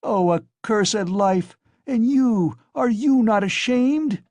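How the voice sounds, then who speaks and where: A man's voice: high voice, animated, slow pace, darkish tone, no room sound, pitched above the performer's own voice, heavily acted. Man putting on a shrieking frantic mother. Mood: frantic screaming. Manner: screaming accusations in a frenzy. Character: frantic, desperate poor mother, shrieking woman.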